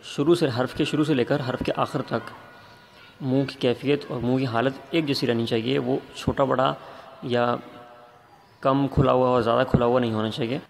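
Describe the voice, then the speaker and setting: A man's voice: mid-range voice, slight background noise. A man teaching Quran recitation, patiently explaining letter sounds and drawing out each letter to demonstrate it. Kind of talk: tajweed lesson.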